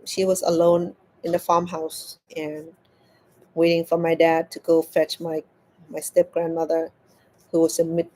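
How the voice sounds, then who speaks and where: On a rough recording, this crochet vlogger from Cambodia speaks in a low-pitched, mellow voice. Her storytelling while crafting is casual and halting, with words repeated as she hunts for what comes next.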